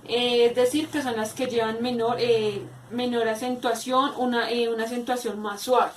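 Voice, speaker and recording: Woman teacher, fairly high voice, hesitant step-by-step explaining, roomy echo, off-mic. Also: flat delivery, slight background noise. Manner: explains slowly with many hesitations and repeats. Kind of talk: spoken grammar lesson. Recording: echoey room, far from mic.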